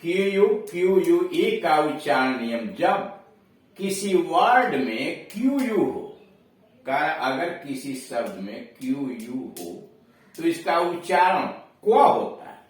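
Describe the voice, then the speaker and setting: A man teaches a grammar lesson slowly, with a pitch that climbs and falls a great deal. He repeats each rule and spells words out letter by letter. His voice sounds far from the mic in a very echoey room. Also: sing-song. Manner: checks understanding with quick questions. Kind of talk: classroom lesson.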